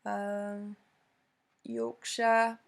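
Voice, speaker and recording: A woman chatting casually on her vlog, answering questions with lots of ums and pauses. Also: medium pitch, big pitch swings, gravelly. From Britain. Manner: hesitant, many ums, laughs between answers. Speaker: vlogger.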